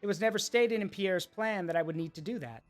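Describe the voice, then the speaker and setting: A player reading a calm, menacing evil AI in a video game, cold, measured and formal. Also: medium pitch, faint music behind, lightly acted. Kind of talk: reading game dialogue aloud.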